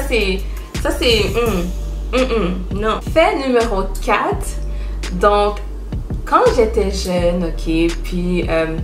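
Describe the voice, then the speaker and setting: A young woman with a Quebec French accent chatting to camera in an animated way, slipping English words into her talk. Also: medium pitch. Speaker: vlogger. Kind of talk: casual chat to camera. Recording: echoey room with music behind.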